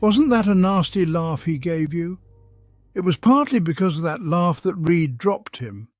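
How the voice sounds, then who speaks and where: A man voicing an agitated, confiding gentleman in a dramatic first-person horror audiobook narration, conversational and emphatic. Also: high-pitched, expressive, a little slow, no room sound. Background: music under the voice.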